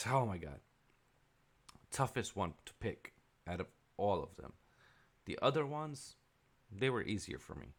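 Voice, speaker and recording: Deep-voiced male sports vlogger, casual opinionated picks talk. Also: a bit bright. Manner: offhand, opinionated, with frequent ums and asides. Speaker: sports video host.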